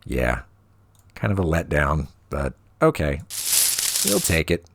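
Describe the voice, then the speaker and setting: A man with a very low voice talks through his gameplay in an unhurried, wry way. His pitch swings widely as he reacts, and steady rain noise sits clearly behind him. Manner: relaxed, wry, thinking aloud. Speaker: let's play host. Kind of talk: casual gameplay commentary.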